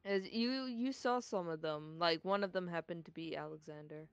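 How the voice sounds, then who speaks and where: A woman's voice: fairly low pitch, normal speed, clean tone, dry recording, lo-fi sound, soft background music. A woman chatting casually with fellow tabletop players, chatty and giggly. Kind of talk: casual chat.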